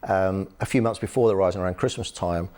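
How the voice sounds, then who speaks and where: A man, an author and activist, explaining history in a relaxed interview, telling stories with lots of ums and restarts. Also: sits low, brisk. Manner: lively storytelling with frequent fillers and restarts. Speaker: author and human rights activist, guest.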